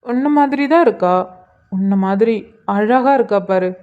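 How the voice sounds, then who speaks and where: A woman's voice: medium pitch, steady tone, moderate pace, narrow, tinny audio, natural voice. A woman voicing Arjun, an apologetic young husband and new father in a cartoon, speaking in a subdued way. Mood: reassuring. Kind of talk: cartoon voice acting.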